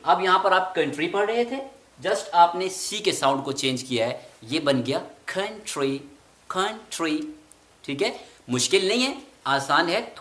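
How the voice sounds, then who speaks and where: A man teaching English pronunciation, slowly repeating each example word. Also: on the high side, fairly bright tone. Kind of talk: spoken language lesson. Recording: roomy echo.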